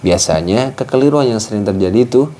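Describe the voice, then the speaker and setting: A man teaching Quran recitation rules in a patient, explanatory way, breaking into slow chanted examples. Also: lowish voice, animated, dark tone. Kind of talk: tajwid lesson with recited examples.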